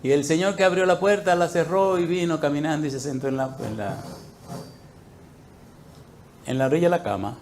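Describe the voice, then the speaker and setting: A man preaching a sermon, telling a personal story and acting out his own prayers, swinging from quiet asides to sudden loud outbursts. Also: on the high side, fast talker, a little hiss or hum.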